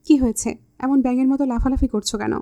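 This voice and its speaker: A woman's voice: sits high, fairly even intonation, fast talker, mellow. A woman voicing a teasing, bossy young man in love, with a smug manner.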